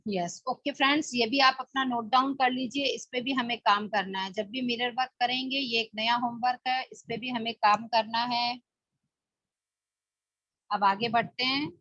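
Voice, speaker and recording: A woman's voice: a little high, fairly even intonation, normal speed, sharp tone, no echo, muffled recording. A woman leading a guided self-help class, talking listeners through a mirror exercise with repeated, coaxing instructions. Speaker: meditation and self-help teacher.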